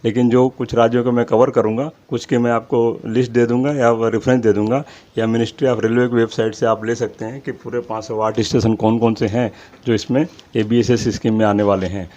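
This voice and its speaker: A man hosting his own channel, reading out a long list of names in a steady rhythm and apologizing now and then for his pronunciation. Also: medium pitch, brisk. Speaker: channel host. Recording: slightly dull lo-fi audio.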